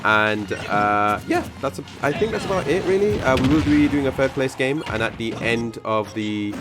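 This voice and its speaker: A man with a medium-pitched, animated voice hosts a live game tournament stream at a moderate pace. He chats casually with viewers, rambling through plenty of fillers and self-corrections, while game music plays in the background.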